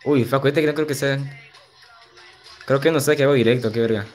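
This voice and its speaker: A man's voice: medium pitch, brisk, darkish tone. A young man, streaming a game and chatting casually with viewers, loose and slangy with frequent laughs. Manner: loose, slangy, reads chat aloud and laughs often. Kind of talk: casual livestream chat while gaming. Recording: faint music behind.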